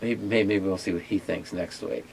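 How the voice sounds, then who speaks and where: A man hosting a casual food tasting video, talking in a halting way with many pauses and fillers. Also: deep voice, steady tone, vocal fry, a little mellow, slight background noise. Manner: hesitant, many fillers and restarts. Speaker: ministry owner and host. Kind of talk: casual chat and taste test.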